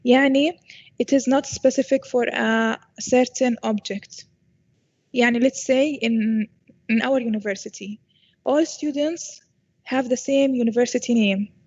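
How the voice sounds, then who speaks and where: Female teacher addressing a class, Arabic accent, slightly high pitch, muffled recording, frequent comprehension checks. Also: fairly even intonation, normal speed, a little mellow, husky. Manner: switches between English and Arabic, checks understanding often. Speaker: university programming lecturer.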